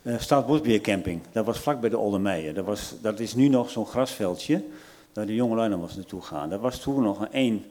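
Older man, halting and low-voiced. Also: expressive, dark tone. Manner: halting, searching for words. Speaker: departing church member. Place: church service.

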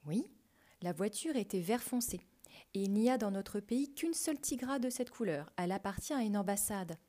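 A woman's voice: mid-range voice, animated, moderate pace, warm tone, natural voice. A woman voicing a grumpy middle-aged police commissioner in a storybook reading, barking and impatient. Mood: grave.

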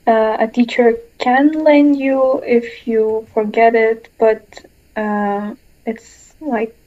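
A woman's voice: fairly high pitch, little pitch movement, takes it slowly, warm tone, lo-fi sound. A woman from Lithuania, hosting and chatting casually on a podcast. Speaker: podcast host. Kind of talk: casual chat.

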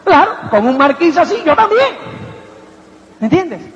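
A man giving a motivational seminar talk to an audience, rhetorical and animated, constantly asking if they follow him. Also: very high voice, measured pace. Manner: rhetorical, keeps asking "¿me entiendes?"; acts out little quoted voices and anecdotes. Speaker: motivational speaker. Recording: echoey hall, dull lo-fi sound.

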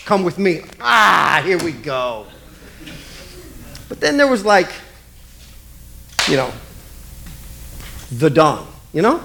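High-voiced man telling a comic sermon story. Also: big pitch swings, slow, vocal fry, pauses often, background noise. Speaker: pastor.

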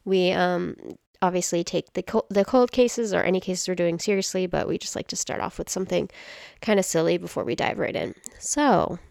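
A woman's voice: fairly low pitch, moderate pace, creaky, a little mellow, dry recording, clean studio sound. A young woman co-hosting a podcast in casual chat, giggly and rambling, joking about herself. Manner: giggly, rambling, self-deprecating. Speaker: podcast co-host.

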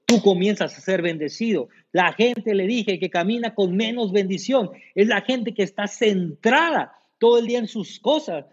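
A man's voice: high voice, breathy edge, dull audio. A man preaching a sermon as pastor, emphatic and repeating key lines to the congregation.

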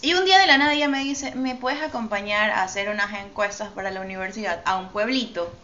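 A woman's voice: mid-range voice, fast. A woman telling a personal story in casual chat, acting out the lines of the people in it. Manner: animated, acts out quoted dialogue. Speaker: podcast co-host telling a story. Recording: slightly dull recording with faint noise.

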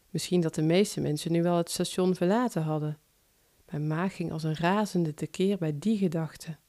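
Woman calmly reading her own story. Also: fairly low pitch. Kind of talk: first-person story narration.

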